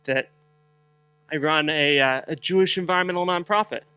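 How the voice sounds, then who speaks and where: A man's voice: a little high, moderate pace, bright, forceful tone, smooth, no echo, low-quality recording. A man from New Jersey leading a spiritual moment at a conference, telling a story with lots of fillers and a bit of humor before building to rhetorical questions. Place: conference hall.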